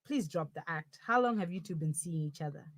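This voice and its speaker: Brief: woman voicing a sarcastic young girlfriend in the wrong body, comic audio drama, lowish voice, dead dry sound. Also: animated, fairly quick, no room sound. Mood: accusing. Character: blunt young woman stuck in her boyfriend's body.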